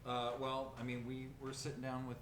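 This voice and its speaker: A man asks the game master hesitant questions about the rules at a tabletop game. His voice is a little far from the mic in an echoey room, with a rumble behind. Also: completely flat delivery, normal speed, fairly bright tone. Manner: hesitant, many fillers. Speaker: player. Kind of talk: casual tabletop game chat.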